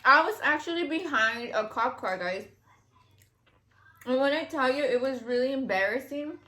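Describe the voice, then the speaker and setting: A woman's voice: sits high, expressive, moderate pace, sharp tone. A woman telling a long story to her viewers in casual chat, rambling with lots of fillers and cursing freely. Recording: echoey room.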